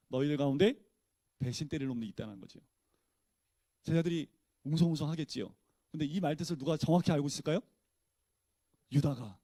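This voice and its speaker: Pastor teaching, higher-pitched man, dry sound. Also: dark tone, no echo. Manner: asks the listeners rhetorical questions and answers them; casual, conversational teaching tone. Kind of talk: Bible study teaching.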